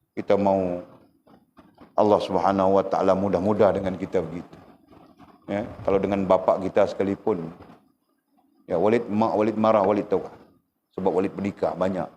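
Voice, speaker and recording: Low-voiced ustaz teaching a class. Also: male voice, slight background noise. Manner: animated, often checks the class with rhetorical questions. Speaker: religious teacher. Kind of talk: religious lecture.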